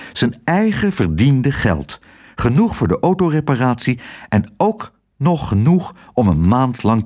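A man reads a children's story aloud, his pitch rising and falling across a very wide range. The delivery is expressive and carefully paced. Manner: expressive, varied intonation. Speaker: audiobook reader. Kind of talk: storybook narration.

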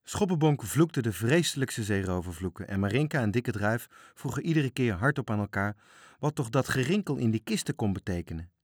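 A man's voice: medium pitch, lively intonation, brisk, slightly rough, no echo, clean studio sound. A man reading a children's story aloud, expressively, voicing the characters. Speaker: narrator.

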